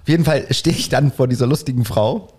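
A man with a slightly rough, mid-range voice speaks fast as he casually recounts a long story from his own life. He acts out the other people's lines with animated impressions.

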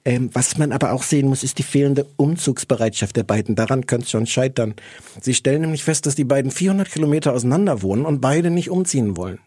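A man's voice: mid-range voice, lively intonation, fast, warm tone, slightly rough, no room sound, clean studio sound. A man co-hosting a casual podcast, reviewing a TV show in a sarcastic, exasperated rant. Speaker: podcast co-host. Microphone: podcast microphone.

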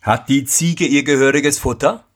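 A storyteller playing a quick-tempered old tailor father who scolds gruffly. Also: medium pitch, voice pushed up, natural voice. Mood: scolding.

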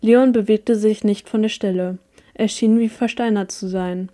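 A woman narrating a first-person story as an audiobook reader, with an even storytelling delivery. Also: mid-range voice, moderate pace.

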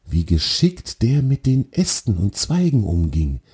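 A man reading a children's story aloud in a calm, gentle and expressive way. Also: on the low side, measured pace, slightly rough.

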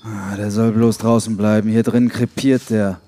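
A man's voice: on the low side, little pitch movement, moderate pace, dark tone, natural voice. A man playing a blunt, coarse cellmate. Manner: blunt, matter-of-fact. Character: hungry, blunt male cellmate, coarse and practical. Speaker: prisoner.

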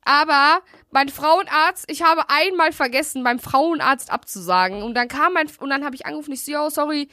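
Young woman, podcast co-host, blunt slangy chat, very high voice, dry sound. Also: fairly quick, hardly any pauses, sharp tone, no room sound. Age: young adult. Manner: blunt, slangy, quotes people in her stories. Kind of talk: casual chat.

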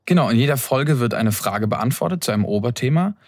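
A man's voice: mid-range voice, animated, quick pace, no room sound, studio quality. Earnest young man introducing his podcast. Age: young adult. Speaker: podcast host. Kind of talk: reflective scripted intro monologue. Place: his room, seated in an armchair.

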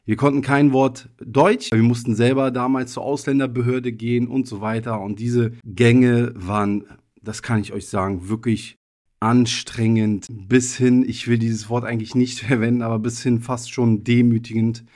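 A man in his thirties, raised in Germany, talks to his listeners on his own podcast. His pitch sits in an ordinary middle range. He muses aloud in a casual, personal way and keeps softening his points with fillers. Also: level tone, moderate pace. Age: 30s. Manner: thoughtful, personal, loose with frequent hedging fillers. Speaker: podcast host. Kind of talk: casual reflective monologue.

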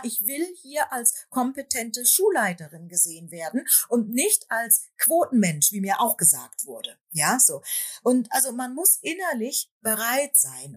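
A woman's voice: on the high side, slightly rough. A middle-aged woman, a school principal and author, talking reflectively in an interview with frequent hesitations. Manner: reflective, hesitant with many fillers. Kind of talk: conversational interview.

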